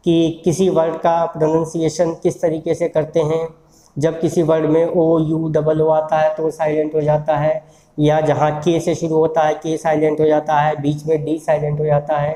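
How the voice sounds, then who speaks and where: An English teacher giving a recorded lesson on phonetic symbols, who says example words again and again, slowly, to model their pronunciation. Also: mid-range voice, dark tone, reverberant, rough recording. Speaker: English teacher at a law institute.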